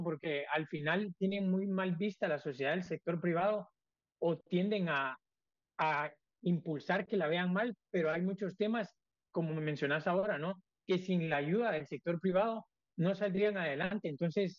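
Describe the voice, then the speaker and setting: A man's voice: high voice, no room sound, muffled recording. A young man hosting a podcast, asking questions politely with slight hesitations. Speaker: podcast host. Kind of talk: interview questions.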